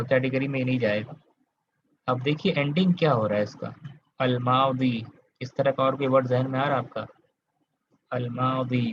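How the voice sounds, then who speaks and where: A man's voice: medium pitch, highs cut off, slight background noise. Male teacher quizzing his online class. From Kolkata, India. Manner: explains step by step, quizzes students, keeps checking in. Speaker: Arabic grammar teacher.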